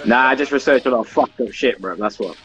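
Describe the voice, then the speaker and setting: A man's voice: mid-range voice, fast, a bit bright. A man with an urban British accent chatting casually on a livestream, opinionated, slangy and sweary. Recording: muffled livestream audio with faint music.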